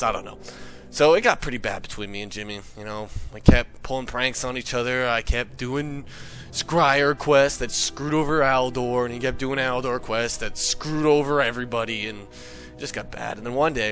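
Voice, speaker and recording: A man telling a comedic rant story, excitable, profane and boastful. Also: medium pitch.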